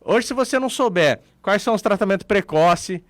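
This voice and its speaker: A man's voice: high-pitched, animated, a little fast, fairly bright tone, dry recording. A man with a Brazilian Portuguese accent, co-hosting a radio talk show and explaining his points with everyday examples.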